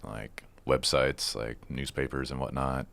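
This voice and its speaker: Very deep-voiced man chatting casually. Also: fairly even intonation, a little slow, vocal fry, a bit bright. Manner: informal, peppered with "like" and "you know". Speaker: podcast guest. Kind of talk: casual interview chat.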